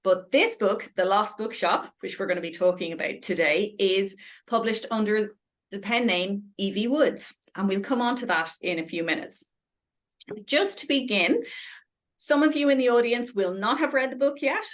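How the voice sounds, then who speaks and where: A woman's voice: mid-range voice, animated, normal speed. A woman hosting an author interview, giving prepared introductions and questions in a polite, chatty, effusive way. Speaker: interviewer, library event host.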